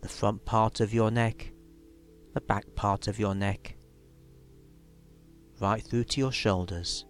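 A man leading a guided relaxation in a soothing, measured way, leaving long pauses between instructions. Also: on the low side, fairly even intonation. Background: music.

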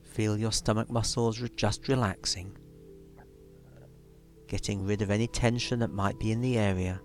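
A man leading a guided relaxation in a soothing, measured way, leaving long pauses between instructions. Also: fairly low pitch, fairly even intonation. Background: music.

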